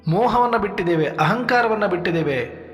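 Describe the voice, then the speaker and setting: A man giving a sermon in a measured teaching manner, asking rhetorical questions and listing points for his listeners. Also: high voice, lively intonation. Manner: rhetorical questions, lists, addresses listeners as brothers. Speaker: spiritual speaker. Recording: long hall reverb with faint music.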